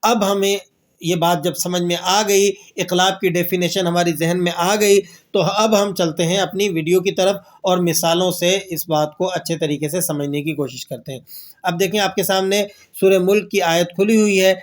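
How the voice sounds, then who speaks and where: A man teaching Quran recitation, who asks questions and answers them himself and slowly draws out the verses he recites as examples. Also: sits high, steady tone. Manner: slow drawn-out recitation of verses. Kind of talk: tajweed lesson with recited examples.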